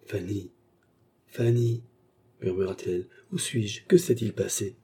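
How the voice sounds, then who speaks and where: A man reading aloud, voicing a frightened young woman who pleads in rising, anxious questions, in a husky voice. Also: medium pitch, lively intonation, normal speed, warm tone, a little hiss or hum, pitched above the performer's own voice, close to an everyday voice. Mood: bewildered.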